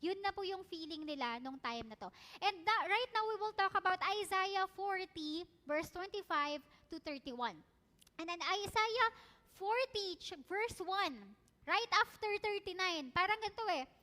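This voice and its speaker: A woman with a Filipino accent preaching a sermon in an animated way, acting out family scenes as she speaks. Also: very high-pitched, unhurried, long reverb tail. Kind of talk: sermon mixing Tagalog and English. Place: church hall.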